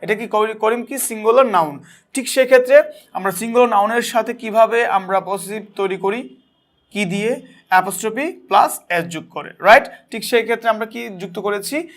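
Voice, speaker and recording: A man with a Bangladeshi accent teaching an English grammar lesson, asking questions and answering them himself, and reading example sentences slowly. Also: high-pitched, a bit bright. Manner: asks and answers his own questions.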